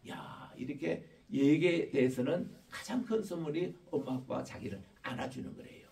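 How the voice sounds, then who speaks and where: A man's voice: a little high, normal speed, vocal fry, warm tone, recorded from a distance. Man preaching casually, posing questions to the congregation, heard from off-mic. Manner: conversational, explaining with questions and quoted children. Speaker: pastor. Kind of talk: Christmas sermon.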